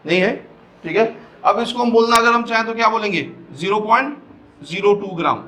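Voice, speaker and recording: A brisk, sharp-toned man with a high voice teaches physics in a classroom lecture. His accent is Hyderabadi Hindi, and he explains step by step while mixing in English terms and asking students questions.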